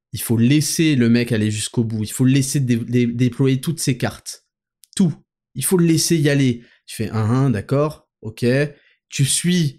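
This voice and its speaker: A man's voice: mid-range voice, darkish tone. A young man hosting a casual monologue vlog while walking, talking in a crude, rambling, ranting way. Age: young adult. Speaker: host.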